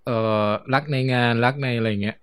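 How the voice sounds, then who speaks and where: Guy joking around on a podcast, talks fast. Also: medium pitch, fairly even intonation. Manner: playful, joking, fast-talking. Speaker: podcast guest. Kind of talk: casual podcast chat.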